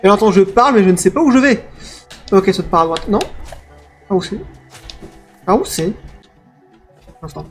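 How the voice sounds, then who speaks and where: A man giving let's play commentary, excitable, yelping and talking back to the game as he plays. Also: high-pitched, normal speed, pauses often, soft background music. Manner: excitable, yelps and talks to the game. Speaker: gaming streamer.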